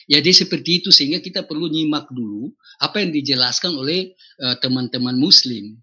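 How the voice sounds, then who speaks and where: A man moderating an online debate in a sharp, husky voice with a somewhat high pitch. His audio comes through dull and lo-fi. He speaks calmly and formally and guides the speakers back on track. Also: fairly quick. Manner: calm, formal, steers back to the topic. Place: online voice chat room. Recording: dull lo-fi sound.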